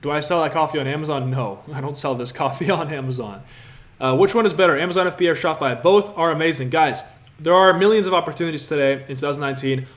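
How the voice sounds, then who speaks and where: Talking fast in a slightly high voice, a man from Latvia in his twenties runs a casual livestream where he answers viewer questions. He's upbeat and motivational, addresses his viewers directly, and streams from an apartment room overlooking the city.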